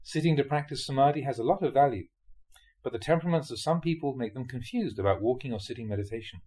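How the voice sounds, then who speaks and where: A Buddhist monk with a mid-pitched, dark-toned voice reads translated dharma talks from a prepared text, like a spiritual audiobook. His delivery is measured and deliberate, set out in short clauses.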